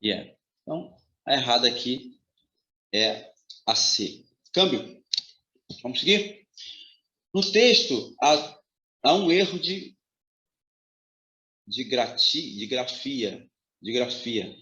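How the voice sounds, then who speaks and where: A male grammar teacher works through exam questions in an emphatic, forceful voice that keeps checking in with his students. The room is roomy and echoey, and the recording sounds a little dull and lo-fi. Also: medium pitch, big pitch swings, takes it slowly, pauses often. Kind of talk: exam-prep lecture. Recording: roomy, slightly dull audio.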